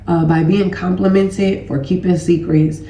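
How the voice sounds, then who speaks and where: Speaking in a lowish, warm voice with fairly even intonation and an unhurried pace, a woman with a stuffy nose and sore throat hosts as a healing educator. Her manner is casual and loose, and she calls her audience "y'all." The room echo is noticeable.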